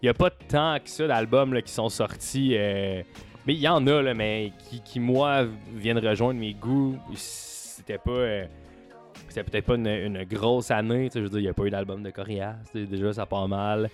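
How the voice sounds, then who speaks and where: A man with a Quebec French accent, co-hosting a music podcast, enthusiastic but halting and quick to laugh. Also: lowish voice, fairly even intonation. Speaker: podcast co-host. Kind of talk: casual music chat.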